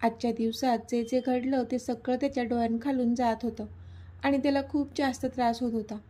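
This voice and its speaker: A woman narrating a serialized romance story in a steady, gentle reading manner. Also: a little high, a little fast.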